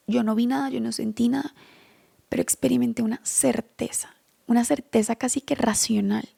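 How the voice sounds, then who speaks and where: Whispering woman with a gravelly, husky voice. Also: on the high side. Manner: hushed, mostly whispered storytelling; earnest, direct address to the viewer. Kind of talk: personal faith testimony.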